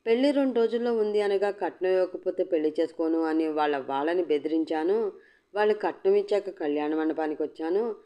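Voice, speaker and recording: A woman's voice: lowish voice, a little fast, close to an everyday voice. A woman voicing a defiant young woman who speaks firmly and mockingly. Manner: cutting, mocking, firm. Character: defiant young woman, sharp-tongued and unbowed. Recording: dull lo-fi recording.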